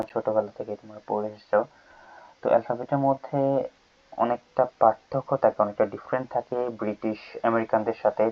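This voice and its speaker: Male teacher, mid-pitched, patient and repetitive, casual lesson delivery, thin phone-quality sound. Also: dry recording. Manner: explains slowly, repeating each letter sound. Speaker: English teacher.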